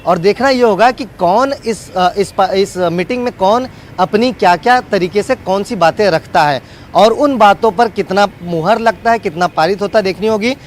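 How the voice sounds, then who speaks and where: A field reporter gives a wordy, unscripted live news report in a high voice at normal speed, often falling back on set phrases. A little hiss or hum can be heard.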